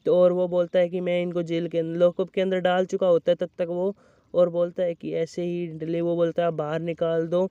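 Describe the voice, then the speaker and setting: A man's voice: high-pitched, monotone, brisk, mellow, clear, resonant tone, no echo. A man casually retelling a film's plot, rambling with fillers and placeholder words. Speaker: movie plot narrator. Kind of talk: casual movie recap storytelling. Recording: dull lo-fi mic, dry.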